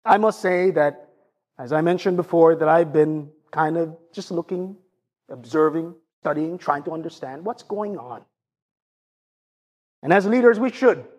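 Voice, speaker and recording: A man's voice: fairly high pitch, a little slow, a little mellow. A man with a Jamaican accent preaching a sermon to his congregation, asking them rhetorical questions as a pastor.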